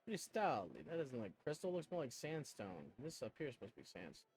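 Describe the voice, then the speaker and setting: Soft music plays behind a male streamer whose mid-range voice swings hugely in pitch and has a slightly mellow, breathy edge. He talks quickly, offering casual commentary on his game and rambling self-consciously as he thinks aloud.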